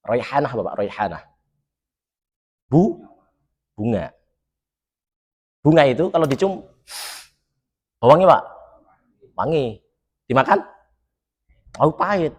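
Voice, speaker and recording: A man preaching in a mosque, quizzing his listeners and joking, reciting Arabic phrases and then explaining them. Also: mid-range voice. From Solo, Central Java. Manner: lively, jokes and quizzes the congregation. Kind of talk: mosque sermon.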